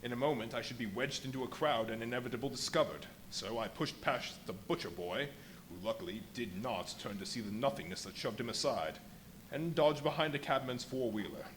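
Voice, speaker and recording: Playing the feverish, volatile scientist in a live radio play, a man sounds boastful, theatrical and agitated. His mid-pitched, slightly bright voice stays close to an everyday voice yet is animated, swinging widely through ornate confessions with emphatic pauses and literary phrasing. The audio is poor, with venue noise underneath.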